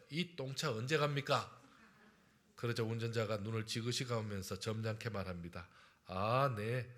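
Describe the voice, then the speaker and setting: Man, pastor, Sunday sermon, bright forceful tone, emphatic delivery, loud-to-hushed swings, church. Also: medium pitch. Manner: emphatic preaching that swings from loud calls to hushed, slowed phrases. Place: church sanctuary.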